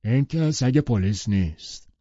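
A man's voice: medium pitch, animated, mellow, dry recording, highs cut off, close to an everyday voice. A man voicing a blunt, domineering wealthy man in an audiobook, curt and firm. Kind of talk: audiobook character voice.

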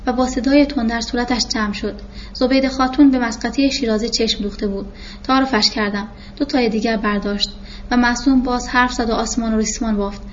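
A woman narrating a first-person novel in a reflective, measured way, in a muffled recording with faint hiss. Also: a little high, fairly even intonation. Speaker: audiobook narrator.

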